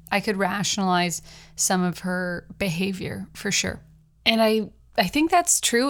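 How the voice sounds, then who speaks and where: A young adult woman hosting her own podcast, telling personal stories in a chatty, rambling way with frequent laughs. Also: mid-range voice. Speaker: podcast host, writer. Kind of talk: casual personal monologue.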